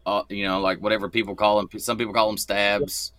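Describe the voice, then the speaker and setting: A man's voice: fairly low pitch, level tone, fairly quick, sharp tone. A man in his thirties chatting casually as a guest rapper, explaining things in everyday words. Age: 30s. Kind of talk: casual chat.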